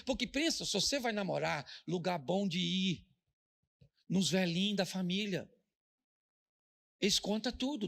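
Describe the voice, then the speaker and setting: A man's voice: sits high, vocal fry, fairly bright tone. A male pastor with a Brazilian accent preaching a humorous sermon, telling jokey stories and tossing rhetorical questions at the audience.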